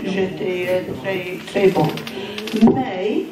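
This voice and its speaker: An older retired woman with an English accent in French, a native English speaker, halting and searching for words as she speaks from the floor at a public meeting. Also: medium pitch. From England. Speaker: audience member and former teacher. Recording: roomy, distant pickup with faint noise.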